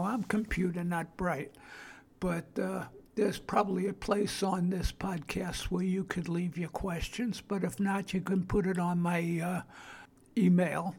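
Older female podcast host, Brooklyn accent, creaky husky voice, halting plain-spoken delivery. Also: lowish voice, darkish tone. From Brooklyn, New York. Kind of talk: informal solo podcast talk.

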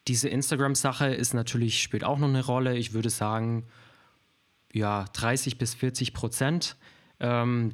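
A man from Germany, a photographer and videographer, talking as a podcast guest in a relaxed chat, often pausing and restarting his sentences. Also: medium pitch. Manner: hesitant, many fillers and restarts. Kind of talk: casual podcast interview.

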